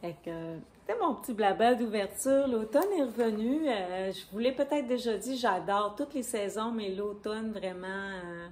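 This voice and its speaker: A woman's voice: mid-range voice, expressive, moderate pace, few pauses, a little mellow, a little hiss or hum. A woman with a Québécois French accent hosting a knitting video podcast at home, talking casually to a camera, rambling and correcting herself. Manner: chatty, rambling, self-correcting, glances at notes. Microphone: camera on a stand.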